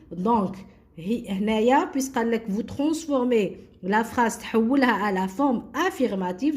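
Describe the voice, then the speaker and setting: A woman teaching a French grammar lesson, mixing French and Arabic and slowly repeating words for students to write. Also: on the high side, darkish tone. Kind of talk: classroom lesson explaining grammar.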